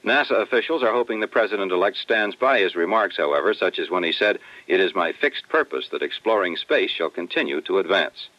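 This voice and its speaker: A man delivering a scripted news report in a formal, measured newsreader manner, heard as a dense old radio broadcast. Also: sits low, animated, no echo, lo-fi sound. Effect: dense old radio broadcast sound. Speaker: news correspondent.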